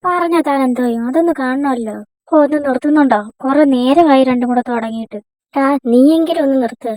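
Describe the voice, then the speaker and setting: Lively first-year college girl in an amateur dub drama, voiced by a young woman: squabbling, high-pitched. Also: no echo, natural voice. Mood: chatty. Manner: quick-tongued, squabbling. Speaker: fan dub voice actor. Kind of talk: amateur dubbed romance drama.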